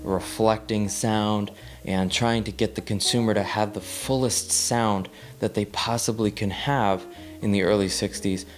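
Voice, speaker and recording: Sitting in a small living room, a young man with a fairly low pitch reviews audio gear in a casual talking-head video. He rambles, saying um often and repeating words, while gesturing with his hands.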